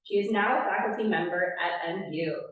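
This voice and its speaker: A woman's voice: fairly low pitch, brisk, far from the mic, heavy background noise. Wisconsin woman announcing in an echoey hall. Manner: announcing, reading scripted bios with brief asides. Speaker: award presenter. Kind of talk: reading award introductions. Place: large conference hall.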